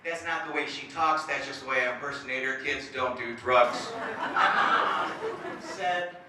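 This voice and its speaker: In a presentation hall, a middle-aged male motivational speaker gives a comedic stage talk with a slight stutter and self-mocking jokes. His voice is medium-pitched and unhurried, and the echoey recording, made from a distant mic, has heavy background noise.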